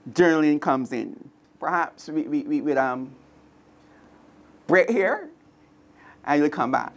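Presenter, meditation teaching, mid pitch, slow repeated phrases, studio talk. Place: television studio.

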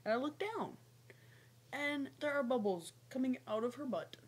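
A woman's voice: sits high, lively intonation, moderate pace. A young woman chatting casually to camera in a rambling way, breaking off now and then to coo at a pet. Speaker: pet snake owner vlogging. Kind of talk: casual vlog chat to camera. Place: small lamp-lit room at home. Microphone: webcam or laptop mic at arm's length. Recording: noisy home webcam audio.

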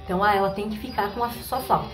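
A woman's voice: medium pitch, fast talker, fairly bright tone, roomy sound, faint music behind, voice pushed down, lightly acted. Bossy young woman referee, voiced by a storyteller, scolding plainly. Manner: scolding, matter-of-fact. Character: firm young female friend and game judge.

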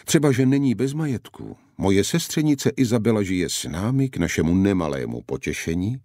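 A man doing a deep-voiced courteous lord. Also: animated, a little mellow, dry recording, clean studio sound. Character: hospitable lord, man, grave but joking. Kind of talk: audiobook character voice.

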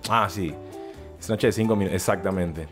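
A man's voice: low-pitched, moderate pace, fairly bright tone, faint music behind. A young man with a Panamanian Spanish accent, a podcast host and fitness coach telling stories in casual, slangy chat and laughing often.

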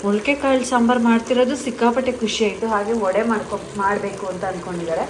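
A woman's voice: medium pitch, fairly even intonation, brisk. A woman vlogger chatting casually in a home kitchen, commenting as she goes. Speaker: family vlogger. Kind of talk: casual vlog chat. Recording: faint frying noise behind.

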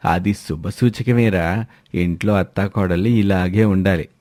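Calm, proud older husband in a cartoon story, played by a man, lower voice. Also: measured pace, no echo, clean studio sound.

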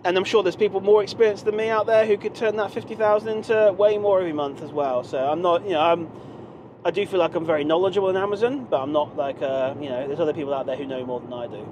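Male vlogger, 30s, chatty and rambling, filmed from the dash of a moving car with steady road noise. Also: a little high. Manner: rambling, many fillers and restarts, gestures while talking. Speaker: vlogger, online seller. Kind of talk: casual driving vlog monologue. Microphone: dashboard camera mic. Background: road and engine noise.

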